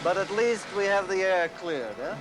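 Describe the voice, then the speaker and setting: An actor playing a paternal male factory owner who smooths over trouble in a patronizing way, often ending lines with "eh?". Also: high voice, animated, moderate pace, noisy background. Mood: placating. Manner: soothing, patronizing, tags lines with "eh?".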